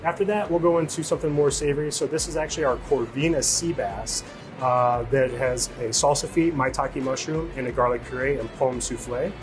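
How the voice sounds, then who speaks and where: A man's voice: medium pitch, a little fast, over music. A middle-aged man from Illinois, a chef, casually walking through his dishes with many fillers, on a lapel mic in a restaurant kitchen. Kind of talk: interview, describing dishes.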